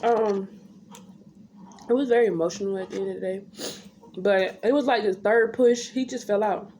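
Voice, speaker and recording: A woman's voice: medium pitch, fairly even intonation, normal speed, dark tone. A young woman chatting casually to camera, telling a story in a blunt, unfiltered, slangy way. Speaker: vlogger telling her birth story. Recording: background noise, home ambience.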